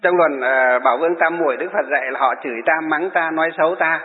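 A man's voice: on the high side, fast. A middle-aged man, a Buddhist monk, giving a wry, chatty storytelling talk and laughing at his own anecdotes. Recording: tinny, lo-fi, long hall reverb.

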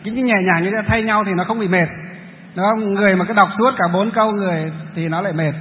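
A Buddhist monk teaches a large hall in a high, talkative voice, explaining patiently and tossing questions to his listeners. His words ring out with a long echo through the room, over a faint background hiss, and the whole recording sounds narrow like a phone line. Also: fast talker. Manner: explanatory, chatty, quizzes the audience. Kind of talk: dharma talk to a hall audience.

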